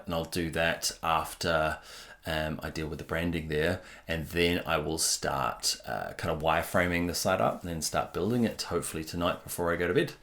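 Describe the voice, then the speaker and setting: It's night at home and the family is asleep, so this web developer keeps his deep voice soft as he rambles, full of fillers, through a casual tutorial. Audio comes from the computer mic during screen recording.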